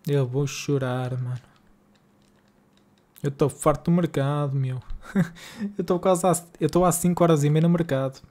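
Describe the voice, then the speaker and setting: Fairly high in pitch yet dark in tone, this young man's voice stays steady as he talks a little slowly and pauses often. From a home streaming room, he chats live with viewers over a game, his northern Porto accent and slangy, exasperated banter evident.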